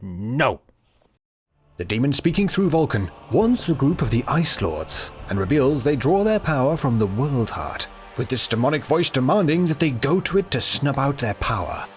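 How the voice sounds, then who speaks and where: Animated, sarcastic male narrator. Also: mid-range voice, normal speed, slight background noise. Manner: sarcastic, mocking. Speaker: video game reviewer, narrator. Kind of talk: comic scripted narration.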